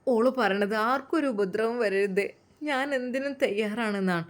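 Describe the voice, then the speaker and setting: A woman's voice: mid-range voice, moderate pace, close to an everyday voice. A woman playing a soothing old village mother. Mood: motherly. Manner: soothing, firm, motherly endearments. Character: older village mother, warm and reassuring.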